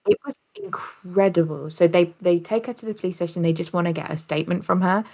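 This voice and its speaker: A woman co-hosts a casual talk show, telling stories with laughter and animation. Her voice sits low and has a gravelly fry to it. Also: fast talker. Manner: animated storytelling, laughing often. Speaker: podcast co-host. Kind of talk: casual chat.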